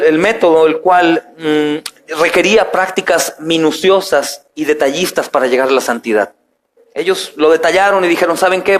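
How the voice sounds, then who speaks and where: A middle-aged man, a pastor preaching a sermon in a church, with rising, emphatic phrases and frequent direct address to the congregation. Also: on the high side. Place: church sanctuary.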